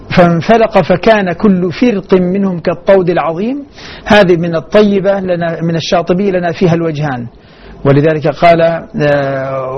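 A man teaching the readings of the Quran, explaining each difference plainly and chanting short verse examples. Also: fairly high pitch. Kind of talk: radio lesson on Quran reading variants. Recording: dull muffled radio broadcast.

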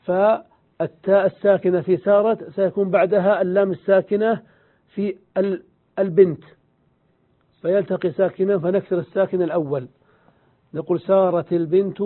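Man teaching grammar over a tinny line. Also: sits high. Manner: slow, deliberate explaining, repeats examples, asks and answers his own questions. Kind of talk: lecture. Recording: tinny phone-like sound.

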